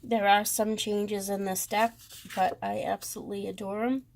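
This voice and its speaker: A woman with a Boston accent, talking slowly through a tarot deck comparison with many pauses and fond praise. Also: medium pitch, little pitch movement, gravelly, slight background noise. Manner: slow, hesitant, lots of ums, gushing. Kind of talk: casual deck walkthrough.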